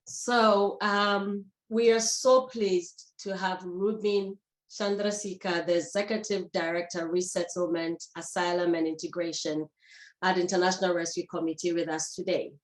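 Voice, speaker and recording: A woman hosting a virtual foundation event, introducing guests with frequent pauses and fillers. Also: on the low side, fairly even intonation, echoey room, low-quality recording. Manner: warm, halting, many fillers. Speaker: host.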